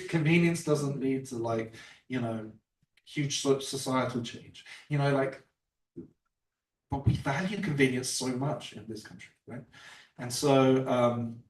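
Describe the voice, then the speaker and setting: At a bookstore event, a male author chats casually about his book, rambling with lots of fillers and restarts. His medium-pitched voice is slow, and the recording is roomy, picked up from a distance.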